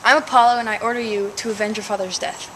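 A commanding god who hands down orders, as a woman plays him. The voice is bright and forceful, slightly high. It comes from a distance, with faint hiss. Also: flat delivery, natural voice. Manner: slow, stern, declaiming. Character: commanding sun god, male.

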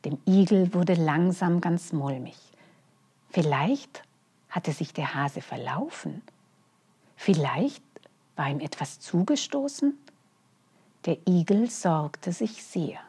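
A woman storyteller reading a children's bedtime story, gently and expressively, with hushed phrase endings. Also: fairly low pitch, lively intonation, slow, pauses often, husky.

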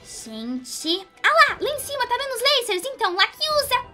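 A bubbly, excitable young cartoon pony girl, put on by a woman, squealing and giggling through game commentary. Her voice sits extremely high and swoops all over in lively leaps. Game music plays clearly behind her. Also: moderate pace, heavily acted. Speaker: gaming youtuber. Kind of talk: gameplay commentary in character. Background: game music playing clearly.

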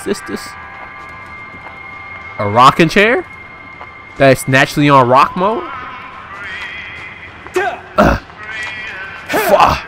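A young man giving comedic let's play commentary, excitable and slangy, often yelping and shrieking in panic. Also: medium pitch. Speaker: gaming video host.

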